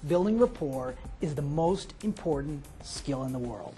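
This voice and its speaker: A man hosting a motivational lesson, telling a story with lively, dramatic delivery. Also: a little high, a little slow, soft background music. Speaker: motivational host.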